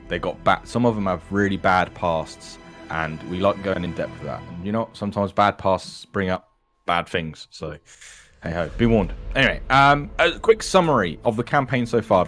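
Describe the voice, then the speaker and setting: A man with a very low voice leads a tabletop game as its dungeon master. He talks in a loose, easygoing way and keeps things moving for his players. Soft music plays faintly underneath. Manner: chatty, laid-back, calls players mate. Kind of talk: casual tabletop game introduction.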